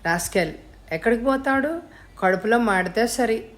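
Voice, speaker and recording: A woman's voice: on the high side, lively intonation, normal speed, pitched above the performer's own voice, close to an everyday voice. A woman voicing a drunken, greedy father who scolds and sneers at his son. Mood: sneering.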